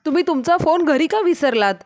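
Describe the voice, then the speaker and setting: Woman doing a young husband, anxious, scolding, high voice. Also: lively intonation, a little fast, darkish tone. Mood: worried scolding. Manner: urgent, worried scolding.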